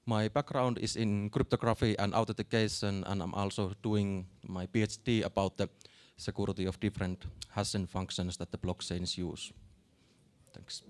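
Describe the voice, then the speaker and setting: A man from Finland introduces himself on a conference panel in a somewhat low voice. He keeps it brief and matter-of-fact. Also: fairly even intonation, moderate pace. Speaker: panelist, research scientist.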